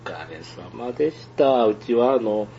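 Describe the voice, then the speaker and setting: Lively, rambling man. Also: medium pitch, a little slow, lo-fi sound, a little hiss or hum. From Hyogo, Japan. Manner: rambling, many fillers, chuckles often. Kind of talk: casual radio chat.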